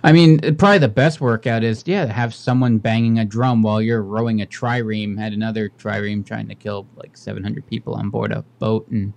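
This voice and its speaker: A man's voice: on the low side, steady tone, a little fast, creaky, few pauses, a little mellow. A man co-hosting a casual comedic chat with dry, sarcastic joking. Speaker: co-host.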